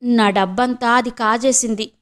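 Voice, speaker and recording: A woman reading the lines of a frail, elderly man who pleads softly for forgiveness and shelter. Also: on the high side, fairly even intonation, a little slow. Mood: pleading. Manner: soft and pleading. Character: frail, pleading old man down on his luck.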